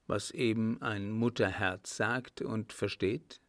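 A man voicing a calm, composed servant and former soldier who answers with quiet mockery in an audiobook reading. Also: lowish voice, takes it slowly, no echo, clean studio sound. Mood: cool mocking. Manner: calm, composed, faintly mocking. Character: cool-headed male ex-soldier servant, calm and mocking.

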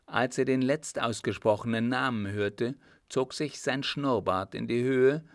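Guy reading a novel aloud, steady and measured, dry sound. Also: mid-range voice, no room sound. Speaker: audiobook narrator. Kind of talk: scripted narration.

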